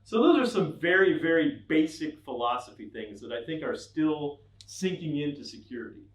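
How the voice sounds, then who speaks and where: Middle-aged male speaker, a bit high-pitched, wry and joking, recorded from a distance in an echoey room. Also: expressive, normal speed. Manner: wry, acts out mock dialogues. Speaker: conference speaker. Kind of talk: humorous technical talk. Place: event room with an audience.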